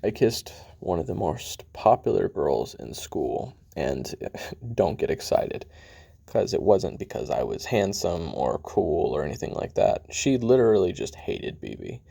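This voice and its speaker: Rueful and confiding, a voice actor delivers a confessional memoir monologue in an audio drama, playing a weary, bitter, regretful male assassin recounting his youth in halting fashion. The exaggerated voice is sing-song and dark, very deep, gravelly, husky and often breathy, falling toward whispers.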